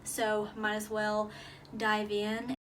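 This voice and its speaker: A woman's voice: medium pitch, monotone, takes it slowly, recorded from a distance, very noisy. A young woman casually reviewing a book for her vlog, chatty and upbeat, a little out of breath and full of fillers. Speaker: book vlogger.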